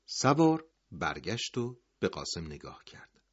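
A man narrating a dramatic story, dropping to hushed tones at the end of sentences. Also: low-pitched, big pitch swings, husky. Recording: dull lo-fi recording.

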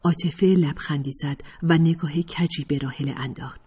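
Husky woman reading an audiobook. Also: sits low, steady tone, dark tone. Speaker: narrator. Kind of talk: audiobook narration. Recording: reverberant room.

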